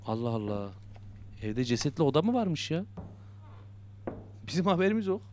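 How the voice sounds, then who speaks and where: A man's voice: on the high side, very animated, normal speed, a little mellow, slight background noise. A young man commenting on a horror game he plays, joking and muttering to himself and yelping when startled. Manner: jokey, talks to himself, muttering then yelping in fright. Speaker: gaming YouTuber.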